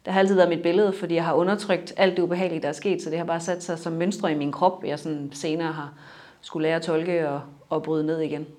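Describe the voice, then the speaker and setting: A young adult woman in a personal interview, reflective and halting, her sentences trailing off softly. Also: sits low, flat delivery.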